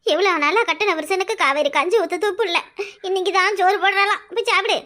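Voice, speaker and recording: A woman with a Tirunelveli Tamil accent voicing scolding village women in a cartoon, shrill and nagging. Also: quick pace, sharp tone. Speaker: voice artist playing several village women.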